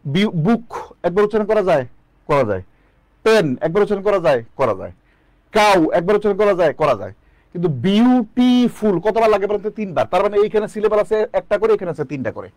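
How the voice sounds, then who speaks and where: A man's voice: sits high, big pitch swings, quick pace, darkish tone, dry recording. A man teaching an online English lesson, asking students questions and drilling the answers back. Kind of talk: online lecture.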